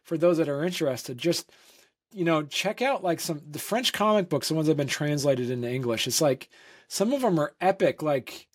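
A man's voice: fairly high pitch, expressive, normal speed, slightly rough. A man from Vermont, a comic creator, answering interview questions in a rambling casual way, with many fillers and restarts.

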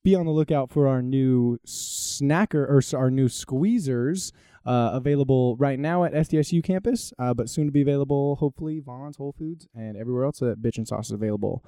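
A man's voice: mid-range voice, a little fast, dark tone, clear, resonant tone, no room sound, clean studio sound. A laid-back man co-hosting a podcast and reading the sponsor spots, laughing often. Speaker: podcast co-host. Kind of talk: casual podcast chat, ad reads.

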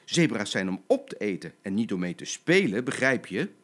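An older man voicing a stern, fierce mother lioness who talks in a forceful, scolding way in a storybook. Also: medium pitch, big pitch swings, normal speed. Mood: angry.

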